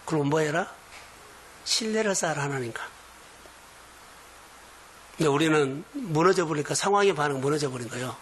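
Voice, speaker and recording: A man preaching to his church in a fairly high voice, leaning on slow, emphatic phrases. He speaks as a pastor to his congregation. A faint hiss of room noise sits behind him. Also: animated, fairly bright tone. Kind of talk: sermon. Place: church sanctuary.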